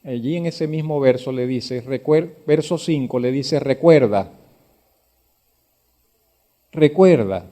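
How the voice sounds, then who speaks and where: A man preaching a sermon, asking direct questions of his listeners and building from quiet reflection to loud, emphatic exhortation. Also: mid-range voice, steady tone, normal speed, hardly any pauses. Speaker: pastor.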